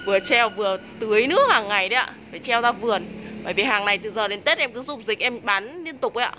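A woman with a northern Vietnamese accent giving a casual, hard-selling sales pitch as a nursery seller, recorded on a handheld phone. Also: lively intonation, fast, bright, forceful tone. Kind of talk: casual sales pitch, live product walk-through. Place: covered plant nursery and shop. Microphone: handheld phone behind the camera. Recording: noisy handheld recording with ambient sound.

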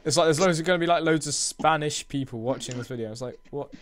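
A man's voice: on the high side, fast talker, a crowd in the background. A young man co-hosting a gaming video, bantering and teasing in casual chat. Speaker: gaming channel co-host.

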